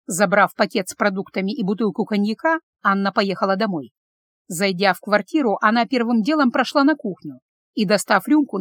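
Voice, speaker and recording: A woman's voice: medium pitch, dry recording, clean studio sound. A woman narrating a dramatic audiobook story with emotion.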